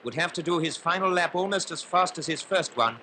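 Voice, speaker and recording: A man narrates in the manner of an old newsreel, his voice set a little high and sharply bright. He calls the action formally and briskly, pressing harder as the race unfolds. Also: a little hiss or hum. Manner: brisk, formal, building excitement in play-by-play. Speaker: newsreel commentator.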